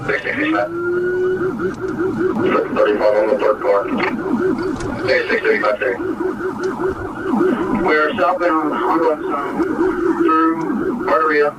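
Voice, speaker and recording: A police officer over a police radio, giving terse, clipped call-outs of streets and speeds during a pursuit. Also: male voice, a little high, wildly swooping pitch, slow, pauses often, dull audio. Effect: heard over a police radio. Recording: distant, very noisy radio transmission.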